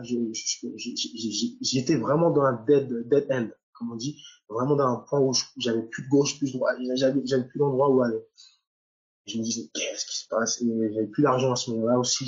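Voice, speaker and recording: A young man originally from Nigeria recounts his testimony as a footballer, pitch sitting in an ordinary middle range. He speaks haltingly, repeating words and restarting sentences as he goes. The recording has a slightly dull, muffled tone. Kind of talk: personal faith testimony.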